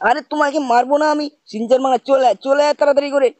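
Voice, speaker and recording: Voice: high-pitched, steady tone, racing, a little mellow, dry recording. A gaming host, doing playful commentary as a scolding uncle, forever asking if he is understood. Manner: scolding, repeats "bujhchhis?". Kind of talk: playful commentary over gameplay, playing the uncle.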